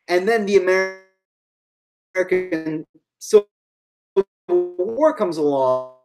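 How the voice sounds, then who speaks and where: A woman's voice: on the low side, lively intonation, takes it slowly, loud music behind the voice, rough recording. A woman giving a live-streamed history lecture to online students, thinking aloud with fillers and asides.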